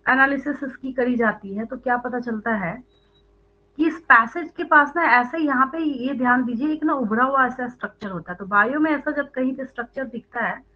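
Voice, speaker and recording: A woman teaches biology in a live online class. She walks through each point step by step, quizzes her students and repeats every answer, mixing in English terms. Her voice sits fairly high and comes through a thin, phone-like line. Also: normal speed. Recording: tinny phone-like online audio.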